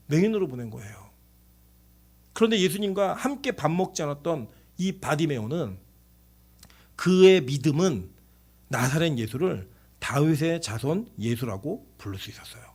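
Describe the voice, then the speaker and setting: A man preaching a Korean church sermon as pastor, animated and acting out shouted quotes. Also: on the high side.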